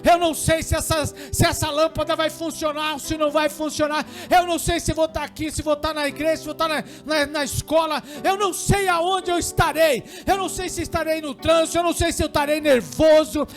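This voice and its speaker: A Brazilian man preaching a sermon at a church service, swinging between quiet talk and shouting with fervor. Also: very high-pitched, fairly even intonation, fairly quick, hardly any pauses, faint music behind. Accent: Brazilian Portuguese. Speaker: pastor.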